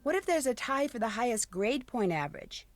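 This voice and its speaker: A woman's voice: on the high side, sing-song, fairly quick, faint music behind. A woman playing a polite, inquisitive teenage schoolgirl in a video game, asking courteous questions. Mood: polite, curious.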